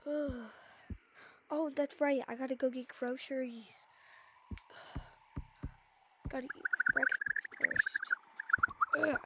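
Speaking into her VR headset mic, a woman roleplays a shopping trip in a VR game, chatting playfully to herself with sighs. Her high voice is expressive, she draws out words and pauses often, and there's background noise.

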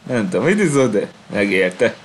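A man commentating his own game playthrough, calm and hesitant between fights and yelling at the screen during them. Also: on the low side, a little hiss or hum. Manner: hesitant with filler pauses when calm. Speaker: gameplay commentator. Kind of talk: let's play commentary.

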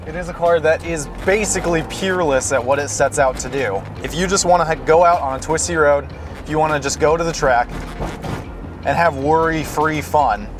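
A man casually reviewing a car in a vlog, thoughtful and measured. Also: a little high, music in the background. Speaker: road trip vlogger.

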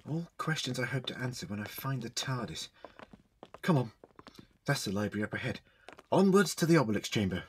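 A man playing the Doctor, animated time traveller. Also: medium pitch, brisk, pauses often, husky. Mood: guarded, resolute. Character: male alien time traveller, inquisitive, earnest, apologetic. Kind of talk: fan-made audio drama acting.

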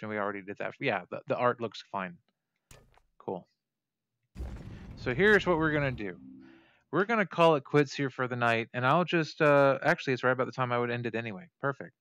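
A man streams a game with casual let's play commentary, talking to viewers, thinking aloud, swearing casually and often correcting himself mid-sentence. His voice is medium-pitched and fairly bright. A little hiss or hum can be heard.

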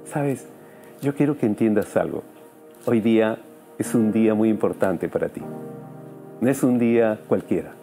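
A man preaching a sermon as pastor, earnest, with emphatic rises and soft, low endings. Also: normal speed, creaky, pauses often, soft background music.

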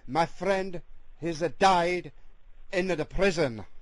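A man's voice: on the high side, crowd noise. A man voicing a hesitant Italian ex-convict who speaks broken English with an Italian accent and many fillers. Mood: bumbling. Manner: halting, full of uh fillers, broken grammar. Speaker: prank caller. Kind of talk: prank phone call in character.

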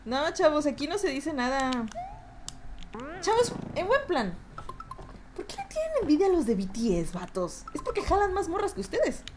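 A woman's voice: high voice, big pitch swings, normal speed, music in the background. A young woman with a Mexican accent, streaming a game and chatting with her viewers, rowdy, swearing and laughing often. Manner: rowdy, swears and laughs a lot, reads chat aloud. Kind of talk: live gameplay stream chatting with chat.

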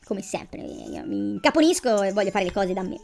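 A woman's voice: mid-range voice, animated, moderate pace, vocal fry, a little mellow, faint music behind. A woman giving casual, chatty commentary on her gameplay, thinking aloud and exclaiming as she goes. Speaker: gamer.

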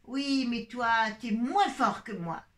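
A woman's voice: a little high, animated, takes it slowly, a bit bright. A woman puppeteer voicing a vain, boastful little boy teddy bear in a children's puppet show, in a sing-song childish voice. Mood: bragging.

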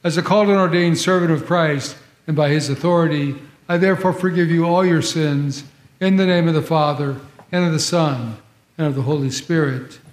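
A man serving as pastor, leading the liturgy in a measured, solemn recitation, with a cathedral echo around his voice. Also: fairly high pitch. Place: large church sanctuary. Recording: echoey church sanctuary.

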